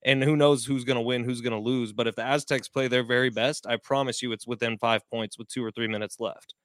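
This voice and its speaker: Male co-host on a call, clear smooth voice, dry sound, candid and relaxed sports talk. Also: medium pitch, brisk, dry recording. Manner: blunt, candid and laid-back. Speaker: podcast co-host, sports commentator. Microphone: remote video call.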